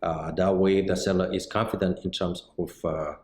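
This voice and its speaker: Deep-voiced Senegalese-born man explaining calmly. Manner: measured, explanatory, with frequent "uh" pauses. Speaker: mortgage banker interviewee. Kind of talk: sit-down interview answers. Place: indoor office set with bookshelves. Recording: roomy indoor sound with faint music.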